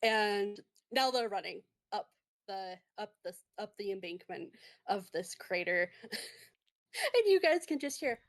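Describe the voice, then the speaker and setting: A woman narrating a tabletop game as game master, halting and full of fillers, laughing often. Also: medium pitch, fairly bright tone.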